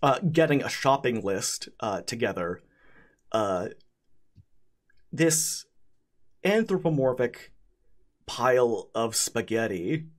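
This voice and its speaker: A man working as game master, narrating an improvised tabletop game in a halting way, repeating words as he goes. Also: mid-range voice, sing-song.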